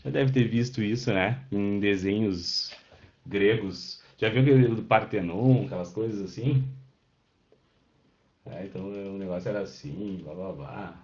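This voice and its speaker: The recording is roomy, dull and lo-fi, capturing a man with a fairly low, slightly mellow voice who talks a little slowly. He's lecturing an online Portuguese class step by step, checking often that students follow and answering each by name.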